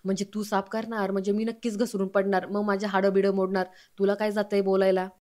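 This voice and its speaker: A man's voice: high voice, little pitch movement, fast talker, a little mellow, natural voice. A woman voicing a strict, grumpy old grandfather who scolds and mocks everyone in a recap of a TV serial. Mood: scolding. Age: older. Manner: scolding, sarcastic.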